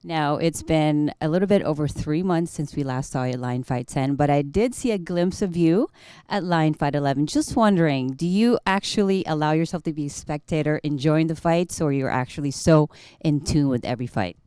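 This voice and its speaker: Female sports interviewer. Deep, warm, smooth voice, asking prepared questions on a dry, close recording. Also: normal speed, no echo.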